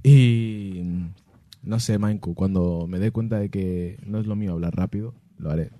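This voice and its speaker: A man, a musician answering fan questions in casual, animated storytelling, laughing and mimicking sounds and voices. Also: lowish voice, normal speed, dry recording.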